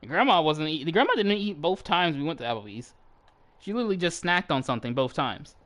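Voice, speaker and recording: A young man telling a story in a loose, animated way, his pitch swinging widely from line to line. He swears freely and breaks into laughter, like someone chatting to viewers while gaming. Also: quick pace. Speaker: channel host.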